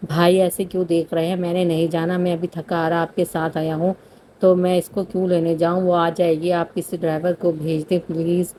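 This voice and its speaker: Grumbling lazy young man, complaining, mellow voice, read by a woman. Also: fairly low pitch, little pitch movement, slight background noise, natural voice.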